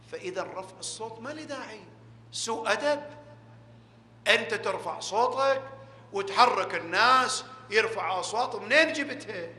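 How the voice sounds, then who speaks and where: A man preaching a colloquial Ramadan night sermon, asking rhetorical questions and swinging between loud and hushed delivery, in a large prayer hall. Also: extremely high pitch. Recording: echoey hall with long reverb.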